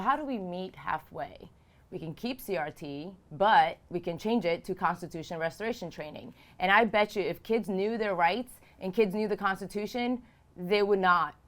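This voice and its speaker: Woman from Romania, 30s, political candidate, emphatic, repeats phrases, smooth resonant voice. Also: on the low side, normal speed. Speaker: House candidate. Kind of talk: political interview answers.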